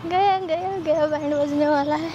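A woman's voice: high voice, steady tone, moderate pace, dull audio, background noise. A young woman hosting a prank vlog, talking casually and teasing her boyfriend in a playful, coaxing way. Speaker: prank vlogger.

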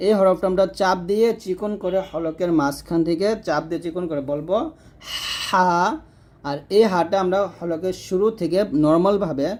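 Patient man teaching letter sounds slowly. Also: high-pitched, a little mellow. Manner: slow, repeats each sound for the listener to copy. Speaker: Quran recitation teacher. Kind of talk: step-by-step pronunciation lesson.

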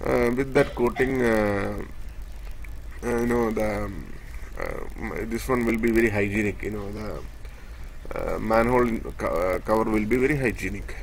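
A man with a low, gravelly voice walks through a technical drawing in a screen-share tutorial. He talks haltingly and restarts often, pointing out one part after another. A faint hiss sits under the recording. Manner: halting, many fillers and restarts, explains step by step pointing at a drawing. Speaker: instructor.

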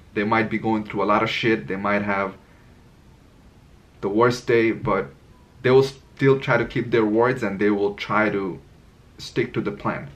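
With a lowish, fairly bright voice, a man in his twenties vlogs from a curtained room at home. He reflects aloud to camera without a script, candid and somewhat rambling, hunting for words while he organizes his thoughts.

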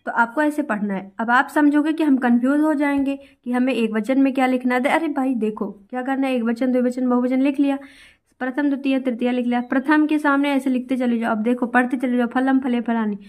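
Woman, young adult, teacher, exam-prep grammar lesson, reassuring, repetitive, fairly high voice. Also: fairly even intonation, fairly quick, darkish tone. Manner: reassuring, repetitive, addresses students directly.

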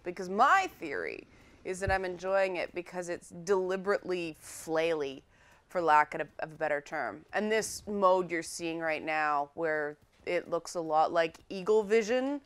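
A young woman gives chatty, playful let's-play commentary while playing a video game, urging her pets on. Her lowish voice is fairly bright, clear, and resonant.

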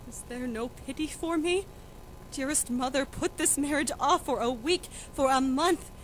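A woman's voice: high voice, normal speed, a little hiss or hum, natural voice, low-quality recording. A young woman playing a desperate, defiant young noblewoman who pleads and protests emotionally. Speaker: student actor in a school reading.

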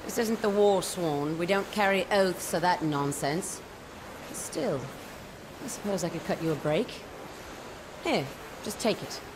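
A woman's voice: lowish voice, a little slow, long pauses, background noise, close to an everyday voice. An actress playing a sly, mercenary female elf traveller in a video game, with a casual, wry, self-assured manner. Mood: grudgingly relenting. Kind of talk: video game character dialogue.

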